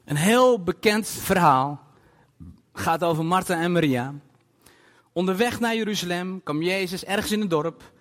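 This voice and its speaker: A man preaching a sermon to a congregation in a church hall, emphatic and animated, with bursts of loud emphasis and English phrases dropped in. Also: sits high, a little slow. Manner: scatters English phrases into his talk. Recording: long hall reverb.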